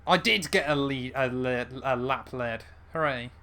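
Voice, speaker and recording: A man's voice: medium pitch, unhurried, pushed and bright. A man chatting casually as he streams a racing game from his room at home. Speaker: sim racer streaming his race. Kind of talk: casual gaming commentary with friends. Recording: engine and car noise behind the voice. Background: racing game car sounds.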